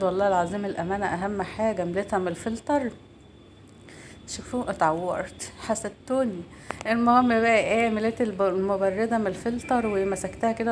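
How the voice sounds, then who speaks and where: An Egyptian woman in her thirties who talks to her viewers at a quick clip, as if chatting with friends. Her voice sits in a middle register, and her stories ramble warmly from one thing to the next. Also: mid-range voice, slight background noise. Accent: Egyptian Arabic. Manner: warm, gossipy, rambling storytelling. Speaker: clinic assistant and vlogger. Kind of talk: casual chatty vlog.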